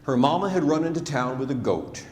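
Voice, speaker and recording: On the stage of a large theatre, a male storyteller performs a rhyming narrative poem live, dramatic and deliberate, letting phrases swell and then hush. His mid-range voice is expressive, and the recording is noisy with long reverb.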